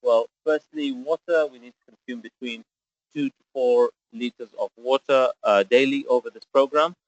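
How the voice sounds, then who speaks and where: Man from Zambia as webinar presenter, mid-pitched voice, methodical explainer with "uh" fillers, close and dry. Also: normal speed, dry recording, lo-fi sound. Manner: explanatory, step-by-step, frequent "uh" fillers. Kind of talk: webinar lecture.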